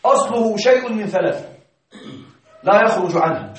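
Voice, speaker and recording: A man teaching Arabic grammar in a classroom, asking his students questions and repeating example sentences slowly. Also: high voice. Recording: echoey classroom from far off.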